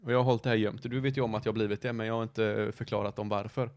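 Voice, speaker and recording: A man's voice: lowish voice, steady tone, a little mellow. Rambling man telling a story. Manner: rambling, self-correcting, lots of fillers. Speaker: podcast host. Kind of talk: casual storytelling chat.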